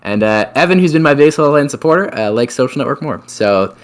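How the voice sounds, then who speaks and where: A man's voice: mid-range voice, animated, quick pace. A young man hosting a casual podcast chat, thinking aloud and unsure, with many fillers and restarts. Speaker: podcast host.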